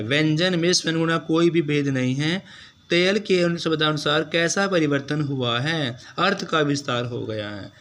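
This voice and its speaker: A man's voice: a little high, bright, forceful tone, slight background noise. Man running a quiz-style exam-prep lesson. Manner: asks a question, then answers and repeats it; keeps addressing students directly. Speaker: teacher.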